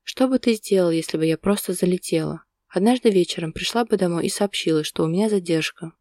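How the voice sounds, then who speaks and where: A woman reading the part of a heartbroken young woman, speaking quietly with tearful resolve. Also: lowish voice, fast, no room sound, studio quality, close to an everyday voice. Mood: sorrowful.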